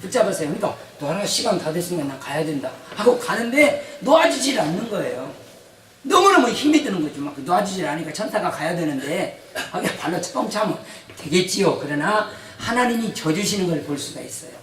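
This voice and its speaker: A male pastor giving an animated sermon in a church, questioning the congregation as he tells stories. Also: high voice, brisk. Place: church sanctuary. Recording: echoey church hall, mic from a distance.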